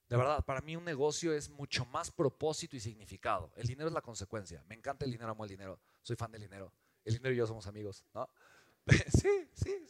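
A business mentor with a Mexican Spanish accent delivers an animated, emphatic motivational talk, frequently asking rhetorical questions. His voice is medium-pitched, and there's no echo.

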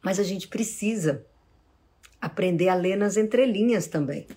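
A middle-aged woman with a Brazilian accent, a psychologist answering audience questions in a casual live Q&A, calm and explanatory, acting out short examples of how to speak. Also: mid-range voice, measured pace.

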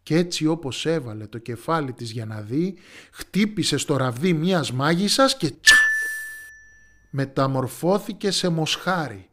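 A man storyteller reading a fairy tale aloud in a lively, expressive way. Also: fairly high pitch, heavy background noise. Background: soft music.

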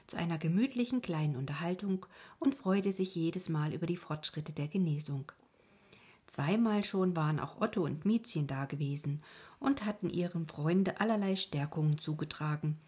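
A woman reads a classic children's story aloud in an even, measured way. Her voice is low and breathy, with a soft husky grain. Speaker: audiobook reader. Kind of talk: storybook narration.

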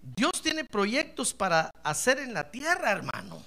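A man preaching a sermon as pastor. He talks straight to the congregation and swings from quiet asides to shouted praise. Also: high-pitched, huge pitch swings, unhurried, vocal fry.

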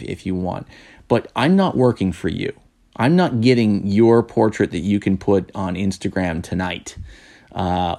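Wedding photographer guy, kinda low and gravelly, rambling blunt advice w lots of restarts. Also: a little mellow. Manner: rambling, many restarts and repeated words; blunt and a bit worked up. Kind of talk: casual advice talk.

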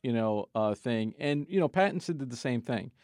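A man co-hosts a relaxed podcast talk, cutting in with quick questions and light jokes. His voice sits at a middle pitch, and the recording is dry and close. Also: no room sound. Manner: asks probing questions and jokes. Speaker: podcast co-host. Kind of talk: casual podcast conversation.

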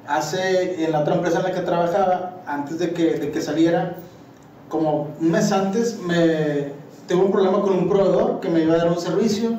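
Young Mexican guy, high voice, mellow tone, slangy rambling chat, echoey room, mic at a distance. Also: slight background noise. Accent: Mexican Spanish. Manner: slangy, rambling storytelling with many fillers. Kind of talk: casual chat.

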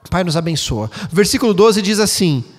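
High-voiced pastor preaching in a reverberant hall. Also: male voice, fairly quick. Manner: expressive, acts out quoted voices, addresses the congregation directly. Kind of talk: sermon.

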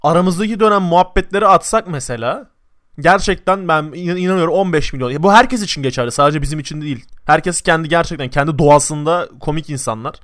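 A man's voice: fairly high pitch, fast talker, fairly bright tone, no echo, studio quality. A man in a casual podcast chat with friends, opinionated and emphatic, swearing casually. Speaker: podcast co-host.

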